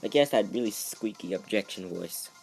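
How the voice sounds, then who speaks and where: A man commenting casually on a video game playthrough, tossing in jokes and offhand asides. His pitch swings widely from one line to the next. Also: expressive, brisk, gravelly, a little mellow, faint music behind. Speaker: let's play commentator.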